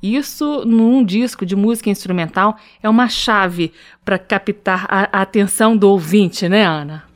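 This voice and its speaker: A woman's voice: mid-range voice, a little slow, few pauses. A woman hosting a radio arts program, reading polished scripted introductions and putting questions to a guest. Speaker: radio show host. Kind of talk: radio interview.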